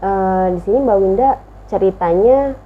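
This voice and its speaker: A woman's voice: mid-range voice, moderate pace, narrow, tinny audio. A woman host interviewing a guest, with short prompting replies and frequent okays. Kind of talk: interview talk show.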